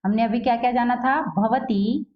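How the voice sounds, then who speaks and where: Woman teacher, higher voice, drills pronunciation with question-and-answer, slow careful reading, dull lo-fi sound. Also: fairly even intonation. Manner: asks questions and answers them herself; reads Sanskrit slowly and carefully. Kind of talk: online Sanskrit lesson.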